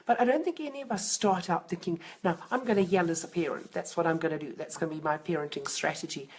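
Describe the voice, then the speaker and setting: Speaking live to viewers on a stream, a middle-aged parenting coach sounds hoarse and croaky from a cold. Her voice is on the low side and fast, and her manner is chatty and reflective.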